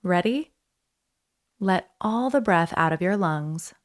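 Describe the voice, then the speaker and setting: With a fairly low voice and lively intonation, a woman instructor takes listeners through a breathing meditation. Her short instructions come in a soothing, unhurried manner with pauses in between.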